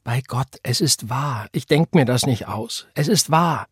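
A male reader voicing a frightened young pregnant woman who pleads through tears, her voice rising high, in an audiobook. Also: big pitch swings, a little slow, a little mellow, slightly rough, no room sound, studio quality, heavily acted. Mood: tearful.

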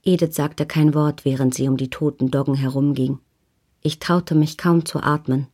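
A woman calmly narrating a novel in the first person as an audiobook reader. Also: low-pitched, normal speed, slightly rough.

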